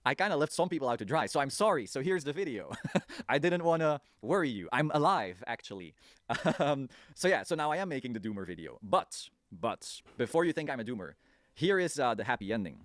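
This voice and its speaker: A man's voice: mid-range voice, sing-song, brisk, no room sound, clean studio sound. A man talking casually in a vlog, loose and profane, often breaking into laughs. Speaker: YouTuber.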